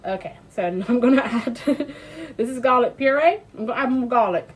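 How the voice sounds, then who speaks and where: In her home kitchen, a British woman vlogs casually while cooking, chatty, sweary, and laughing often. Her voice is fairly high with lively intonation at a normal speed, and sounds congested and sniffly.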